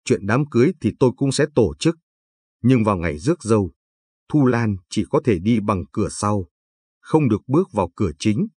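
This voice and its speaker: A man's voice: on the low side, animated, brisk, a little mellow, slightly rough, dry recording. A man reading the lines of a haughty, displeased older mother-in-law in a spoken story. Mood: cold. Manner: cold, dismissive.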